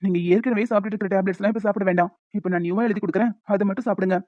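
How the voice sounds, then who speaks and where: A woman voicing a calm female doctor in a cartoon story, giving steady advice. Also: mid-range voice, very fast, dry recording, natural voice. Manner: calm, advising. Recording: dull lo-fi audio with faint music.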